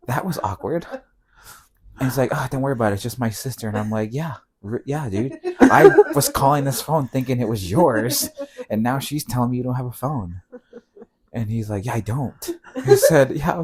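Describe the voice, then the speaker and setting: A middle-aged man, a podcast guest, telling a long story in a relaxed, rambling way with many fillers. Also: mid-range voice. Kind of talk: casual storytelling.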